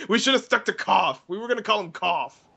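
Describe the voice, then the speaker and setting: Over game music in a muffled recording, a man co-commentates a video game in a joking, chatty, informal way. His voice sits high and is gravelly, bright, forceful and slightly rough, with lively intonation and a slightly fast pace.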